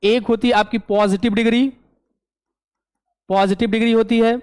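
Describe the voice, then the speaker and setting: A man teaching an English grammar lesson for an exam, explaining step by step and often asking if it is clear. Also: extremely high pitch, flat delivery, normal speed, darkish tone, dry recording. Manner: explains step by step, keeps asking "clear?" and answering his own questions.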